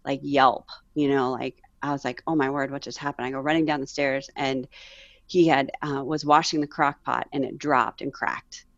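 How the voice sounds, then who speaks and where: Low-voiced mother telling her story. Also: steady tone, normal speed, fairly bright tone, dry recording. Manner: earnest, emotional storytelling. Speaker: guest. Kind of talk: candid faith interview. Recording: slightly dull, dry sound.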